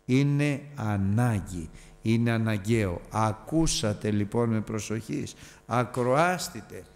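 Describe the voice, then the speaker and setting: A man preaching a Bible study sermon, emphatic and repetitive, now and then dropping to near-quiet asides. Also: lowish voice, animated, big-room sound. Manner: emphatic, repeating key phrases with sudden drops to near-quiet asides.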